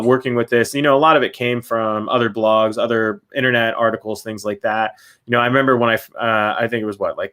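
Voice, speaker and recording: CEO guest, loose and chatty. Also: male voice, mid-range voice, a bit bright. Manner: loose, many fillers like um and you know. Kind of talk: casual interview answers.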